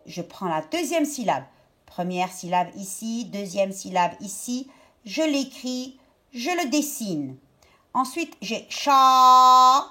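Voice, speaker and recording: A woman teacher talking young pupils through a worksheet step by step, stretching out each word slowly. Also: mid-range voice, very animated. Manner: slow, step-by-step, drawn-out words for young pupils. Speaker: primary school teacher. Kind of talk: remote lesson explaining a worksheet.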